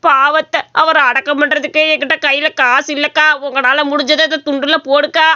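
A woman's voice: high-pitched, flat delivery, fairly quick, sharp tone, lo-fi sound. A woman voicing a scheming young village trickster man in a cartoon, talking in a sly, whining way. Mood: pleading. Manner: sly, whining plea for money. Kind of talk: cartoon voice acting.

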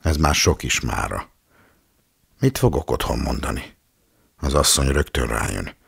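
A weary, anxious old grandfather in a storybook, as a man reads him, hushed and pleading. The voice is very deep, gravelly and husky. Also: expressive, exaggerated voice. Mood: worried.

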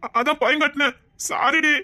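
A woman's voice: high-pitched, steady tone, normal speed, sharp tone. A woman voicing a possessive young male hero. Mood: soothing. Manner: teasing then coaxing, intense and possessive. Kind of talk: amateur audio drama acting.

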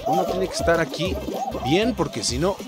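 Mexican guy streaming a game, high lively voice swinging all over, swears and yelps, game music behind. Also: normal speed. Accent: Mexican Spanish. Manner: loud, profane, yelps and laughs often. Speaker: gaming YouTuber. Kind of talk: excited gameplay commentary.

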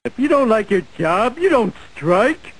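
A man voicing a loud, grumpy workplace ranter in a comedy fan dub. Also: extremely high pitch, sing-song, a little slow, faint music behind, full character voice, poor audio. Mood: ranting.

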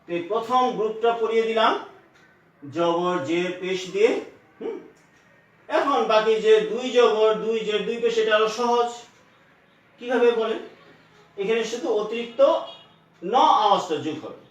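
High-pitched male teacher with a Bangladeshi Bengali accent, patient and questioning, in a very echoey room. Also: lo-fi sound. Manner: patient, spells out sounds slowly and asks rhetorical questions. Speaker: Quran reading teacher. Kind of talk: spoken lesson on Arabic letters. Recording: very echoey room, voice far from mic.

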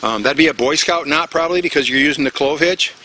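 Middle-aged outdoor instructor, bright edgy voice, casual step-by-step demo, faint background ambience. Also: male voice, on the high side, quick pace, a little hiss or hum. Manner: plain, step-by-step, repeats himself with fillers. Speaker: bushcraft instructor. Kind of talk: casual outdoor knot demonstration. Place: outdoors in tropical forest.

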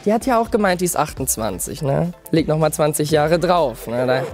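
A man's voice: a little high, lively intonation, fairly quick. Snide gossipy drag queen over music. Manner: snide, gossipy, tags lines with "ne?". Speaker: drag performer roasting rivals. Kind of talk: comedic roast.

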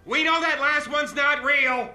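A squeaky grumpy alien trainer. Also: male voice, a little slow, music in the background. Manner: complaining, shouty.

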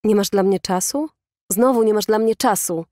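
A woman voicing an aggressive, possessive teenage boyfriend who yells and curses. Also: high-pitched, normal speed, no echo, clean studio sound, close to an everyday voice. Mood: angry. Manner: yelling, cursing, bullying.

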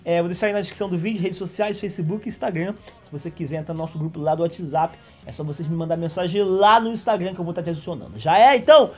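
A man's voice: high-pitched, fast talker, darkish tone, soft background music. A man with a Brazilian Portuguese accent, chatting slangily in a casual manga review. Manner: chatty, slangy, laughs easily. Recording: dull lo-fi audio.

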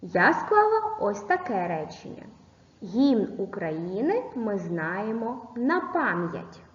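Woman teacher for a kids' video lesson: patient, lively pitch that rises and falls, speaks slowly. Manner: patient, slow dictation, spells out sounds and syllables. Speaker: primary school teacher. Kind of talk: recorded video lesson for children. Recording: echoey room, dull lo-fi sound.

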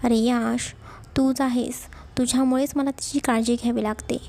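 Storybook: woman as an anxious middle-aged mother, pleading, gravelly. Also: on the high side, level tone, moderate pace, dark tone. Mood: scolding. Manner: pleading, scolding.

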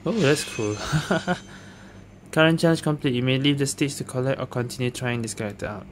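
Video game music runs beneath a man's casual gameplay commentary as he hosts, sprinkling in tags such as "lah" and "eh". He speaks at normal speed with a medium-pitched voice against a noisy background.

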